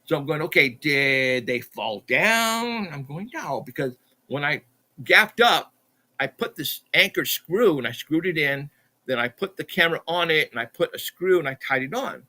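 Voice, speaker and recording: A middle-aged man, a podcast guest, telling a story in an animated, excitable way, stumbling and repeating himself as he acts out what people said. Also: a little high, moderate pace. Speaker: podcast guest, Bigfoot researcher.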